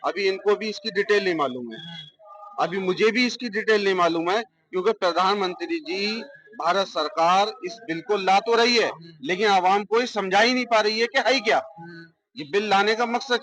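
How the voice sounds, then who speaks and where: A man's voice: high-pitched, moderate pace, fairly bright tone, rough recording. A man interviewed outside a mosque, speaking earnestly and appealing to listeners. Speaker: worshipper interviewed. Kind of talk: street interview statement.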